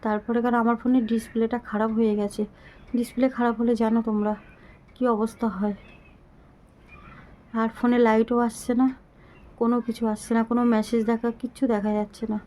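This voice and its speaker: Middle-aged woman vlogger, short of breath and weak, flat halting delivery, mellow phone-camera sound. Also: fairly high pitch, rough recording. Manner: slow, halting, pleading. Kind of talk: casual talk to viewers.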